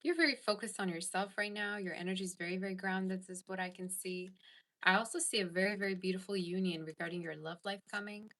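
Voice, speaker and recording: Her medium-pitched voice is quick and a bit bright as she gives a casual tarot reading. The tarot reader keeps things chatty, reading viewers' live chat aloud and replying along the way.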